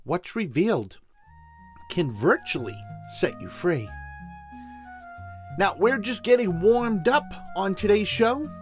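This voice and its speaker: A man's voice: high-pitched, very animated, slow, long pauses, faint music behind. A man from Boston with a Boston accent, hosting a motivational spiritual talk show in a folksy way, speaking straight to listeners. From Boston, USA. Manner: folksy, addresses listeners directly. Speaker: show host.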